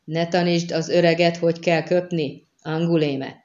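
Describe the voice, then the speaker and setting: A woman's voice: fairly low pitch, little pitch movement, darkish tone, muffled recording, close to an everyday voice. Woman doing a grim menacing witcher. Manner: menacing, curt. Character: grim threatening male witcher, middle-aged.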